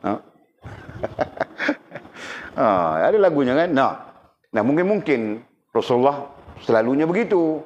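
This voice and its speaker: Religious teacher, lively. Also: male voice, mid-range voice, unhurried, pauses often. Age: middle-aged. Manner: lively, asks the audience questions. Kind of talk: sermon. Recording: dull lo-fi recording with faint noise.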